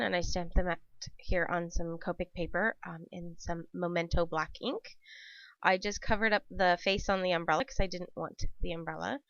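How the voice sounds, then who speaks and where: The host of a papercraft channel records a casual tutorial voice-over at home, with dull, dry sound and no echo. Her voice sits on the low side, fairly bright and clean, though a cold has left her throat scratchy and dry. She chats and rambles, full of ums and self-corrections.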